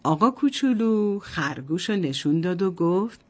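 A woman's voice: on the low side, animated, a little mellow. A woman storyteller narrating a bedtime story to children in a sing-song voice, often addressing them directly.

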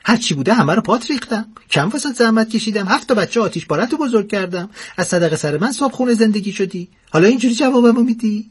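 A man voicing a chatty, complaining old grandmother in a storybook reading, in a raised, shrill voice. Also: lively intonation, slightly rough. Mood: shrill excited.

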